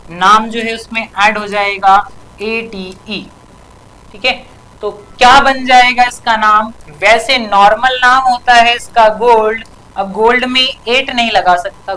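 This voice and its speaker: A woman's voice: mid-range voice, a bit bright, poor audio. A woman teaching a chemistry lesson for exam prep, asking a question and then answering it herself, adding a tag question after many sentences. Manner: keeps asking and answering her own questions.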